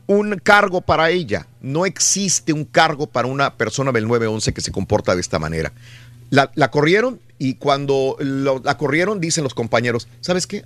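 A man with a Mexican Spanish accent hosting a radio show, telling news stories in an indignant, animated way with many fillers. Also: mid-range voice. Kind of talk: news commentary on a morning show.

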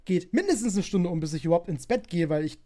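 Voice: medium pitch, expressive, quick pace, mellow. A podcast host and streamer in casual chat, rambling with many fillers and laughing often.

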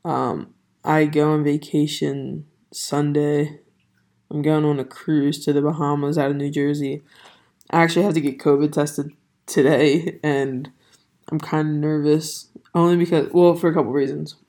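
A young adult host chats alone on a podcast, the voice still hoarse and not fully recovered. The delivery is flat and even, with little rise and fall, and it wanders from point to point with many ums and restarts. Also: medium pitch, moderate pace. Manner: rambling, filler-heavy, self-correcting. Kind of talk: casual solo podcast chat.

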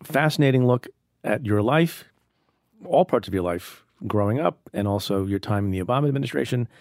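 A middle-aged man from India hosting a podcast, explaining news in a measured way and interviewing a guest. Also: medium pitch, animated, darkish tone, no room sound, clean studio sound. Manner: measured, explanatory, reads ad copy. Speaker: podcast host.

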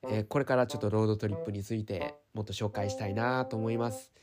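A man's voice: on the low side, fairly even intonation, fast, crowd noise. A man with a nasal voice, congested by hay fever, giving a casual solo explanation as a podcast host in a somewhat hesitant, informal way. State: stuffy nose from hay fever.

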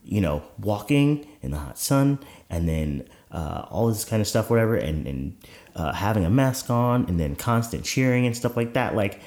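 A man's voice: on the low side, big pitch swings, moderate pace, a little mellow. A man chatting casually as a podcast co-host, rambling through anecdotes with some swearing. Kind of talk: casual conversation. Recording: roomy, echoing sound.

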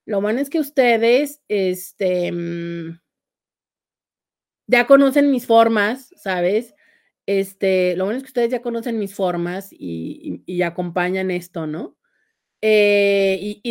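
A woman's voice: lowish voice, creaky, darkish tone. A Mexican woman, a couples therapist, chatting casually on a live stream, reading out viewer comments in a playful, sarcastic way and laughing often.

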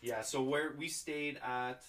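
A man's voice: medium pitch, steady tone, slow, a bit bright. A man co-hosting a casual travel podcast from home, chatting in a rambling way and restarting sentences. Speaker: podcast co-host. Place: on a bed at home with pets. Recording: roomy, distant mic, faint hiss.

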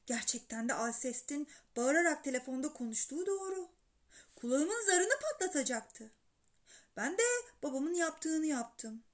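A woman storyteller reading a children's story aloud in an animated, expressive way. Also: high voice, unhurried.

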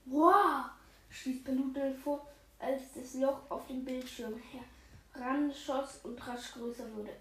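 A woman's voice: high-pitched, warm tone, echoey room, a little hiss or hum, rough recording. A woman reading a children's book aloud, with slips and restarts along the way. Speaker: reader.

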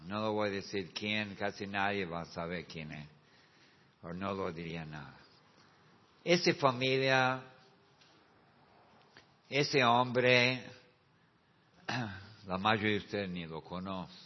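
A male pastor preaching a sermon, moving from quiet, slow asides to shouted, drawn-out climaxes. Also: fairly low pitch. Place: church hall. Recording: muffled sound with long hall reverb.

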